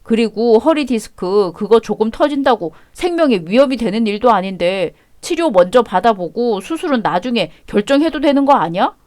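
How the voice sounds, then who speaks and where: A woman's voice: fairly high pitch, lively intonation, moderate pace, hardly any pauses, a little mellow, dry recording, studio quality, close to an everyday voice. A woman voicing a stingy, defensive husband. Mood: dismissive. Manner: dismissive, irritated arguing. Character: selfish stingy married man, defensive. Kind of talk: radio drama acting.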